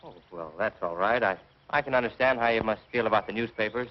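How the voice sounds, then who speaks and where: A man's voice: lowish voice, fast talker, a little hiss or hum, natural voice. An actor playing an agreeable, easygoing young newspaperman in an old film, speaking informally and breezily. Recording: muffled old film soundtrack.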